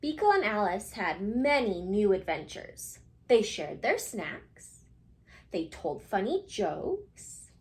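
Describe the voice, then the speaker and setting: A woman reads a picture book aloud to children, addressing her young listeners directly. She uses a medium-pitched, sing-song voice, reading expressively with dramatic pauses.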